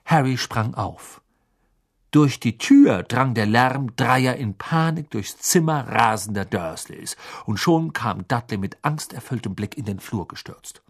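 A man narrating an audiobook in an expressive reading style, with a husky voice. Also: mid-range voice, unhurried. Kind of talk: scripted narration.

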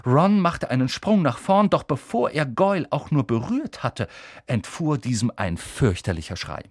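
A man reading a children's novel aloud as an expressive audiobook narrator. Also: medium pitch, moderate pace, no echo, studio quality. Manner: expressive, lively storytelling.

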